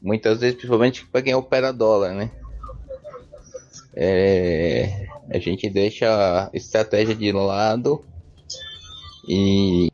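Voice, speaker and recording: A Brazilian man co-hosting a podcast, chatting casually and relaxed, agreeing and adding his own stories. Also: on the low side, slow, pauses often. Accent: Brazilian Portuguese. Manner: relaxed, peppers speech with "cara" and "né". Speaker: podcast co-host. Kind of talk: casual chat. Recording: dull lo-fi sound with faint music.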